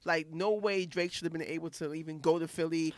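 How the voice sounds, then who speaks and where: A woman's voice: sits low, steady tone, fairly quick, no echo. A woman co-hosting a podcast in casual chat, rambling and profane, drifting off on tangents. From studied in Philadelphia. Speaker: podcast co-host.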